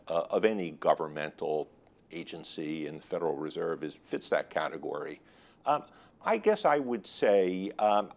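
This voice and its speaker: Male finance guest, low register, analytical and considered delivery for interview answers. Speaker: guest expert on high yield bond markets.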